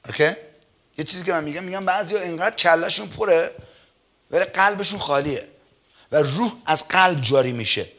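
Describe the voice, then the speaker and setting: A middle-aged man preaching a sermon, reading scripture slowly and emphatically and peppering his talk with amens and hallelujahs. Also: a little high, bright, forceful tone. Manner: says some words are hard for him to pronounce. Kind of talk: Persian church sermon.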